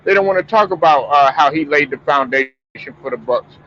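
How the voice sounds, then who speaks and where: A sports talk show host runs a casual stream, his voice on the high side, brisk and fairly bright. He's stuffed up and rambles, restarting often and repeating words. The stream audio is muffled and lo-fi, with faint noise.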